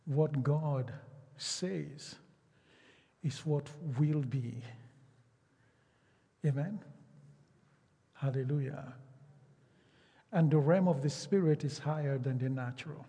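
A Nigerian pastor whose first language is Yoruba preaches a sermon in a husky voice on the high side, with a dark tone. His delivery is slow and emphatic, full of drawn-out phrases and repetition, trailing off in a long reverb tail.

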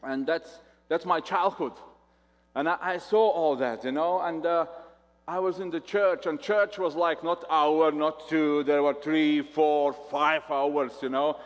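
A man with a Latvian accent preaches as a visiting pastor, his voice sitting a little high for a man. He speaks haltingly, circling back over his words as he goes. The sound carries a long echo from a church hall. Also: steady tone. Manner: halting, repeats words often. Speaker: guest pastor. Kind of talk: sermon.

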